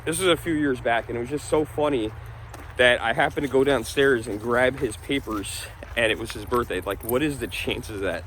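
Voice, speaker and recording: A man's voice: medium pitch, normal speed, a bit bright, a little hiss or hum. A man from New York's Hudson Valley who rambles in casual vlog chat, laughing often while he walks his dog along a wooded trail outdoors. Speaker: vlogger.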